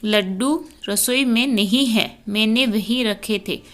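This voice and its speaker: A woman's voice: on the high side, slow, fairly bright tone. A woman voicing a polite, anxious young daughter-in-law in a storybook reading.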